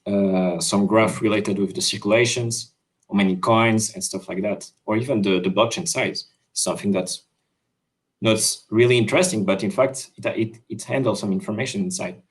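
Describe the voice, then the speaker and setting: A crypto developer born in Switzerland describes his app work on a video call, his voice a bit low and steady. Hesitant and unscripted, he pauses often, fills gaps with "uh" and similar fillers, and keeps restarting his sentences in a casual way.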